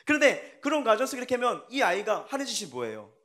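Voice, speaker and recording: Man preaching in church, high-pitched, very animated, storytelling with laughs. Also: quick pace. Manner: lively storytelling, acting out family quarrels with laughter. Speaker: pastor. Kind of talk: sermon. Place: church sanctuary.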